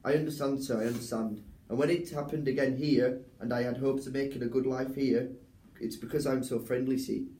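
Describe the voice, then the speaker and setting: A meek, self-excusing convict pleads in a rambling Irish lilt that slips in and out, as a young man acts him out in rehearsal. The voice is mellow and unforced, sitting at an everyday pitch. A roomy echo hangs around every line. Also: fairly even intonation, fairly quick, lightly acted. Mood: apologetic. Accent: put-on Irish, wavering. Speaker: drama student. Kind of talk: rehearsed stage reading.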